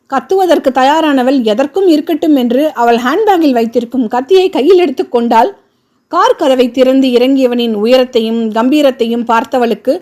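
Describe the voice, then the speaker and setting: Novel narrator: woman, high pitch, steady expressive reading. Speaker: storyteller.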